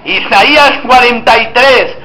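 High, bright-voiced pastor preaching. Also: male voice, unhurried. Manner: emphatic preaching with shouted exhortations; leads the congregation in call-and-response and group reading. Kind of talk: sermon. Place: church service before a congregation. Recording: echoey church room.

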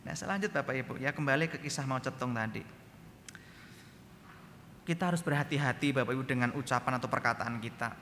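A man preaching a sermon in a lively, chatty storytelling way, often speaking straight to the congregation. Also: medium pitch, brisk, long pauses. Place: church hall. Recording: reverberant hall, faint background noise.

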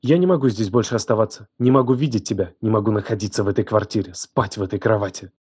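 A man voicing a distraught young woman who raised the man she now accuses, her voice trembling, shouting and hissing. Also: fairly low pitch, fast, slightly rough, no echo, clean studio sound. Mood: bitter. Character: distraught furious young woman, betrayed guardian.

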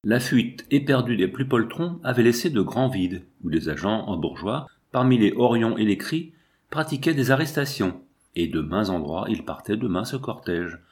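A man reading a novel aloud in a measured, dramatic narration. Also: lowish voice, expressive. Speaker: audiobook narrator. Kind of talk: scripted literary narration.

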